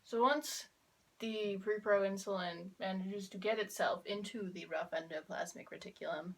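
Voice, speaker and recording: A teenage girl making a class video, explaining a biology topic in a casual, wry, deadpan way while kneeling to draw with chalk. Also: mid-range voice, poor audio. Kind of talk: casual explainer with sarcastic asides. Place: kneeling on the ground drawing with chalk.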